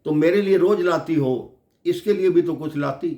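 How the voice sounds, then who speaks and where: A man's voice: mid-range voice, lively intonation, moderate pace, gravelly, a little mellow, roomy sound, lo-fi sound. A man voicing a playful little girl, a divine child, who coaxes and teases, in a devotional story. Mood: teasing. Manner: teasing, coaxing.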